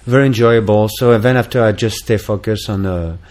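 A man's voice: on the low side, a little fast, darkish tone. A man from France with a French accent, a musician guest in a casual interview, talking hesitantly with many fillers and restarts.

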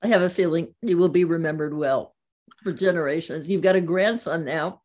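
An older woman interviews a guest in a low-pitched voice. She talks in a chatty, friendly way, with her own stories and personal questions. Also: brisk, a loud crowd. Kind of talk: conversational interview.

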